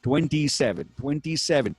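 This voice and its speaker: A man with an Indian accent hosts an online bingo game, calling numbers with rhymes in a showy, repetitive sing-song patter. His voice is a little high and slightly rough at normal speed, with no echo and soft background music.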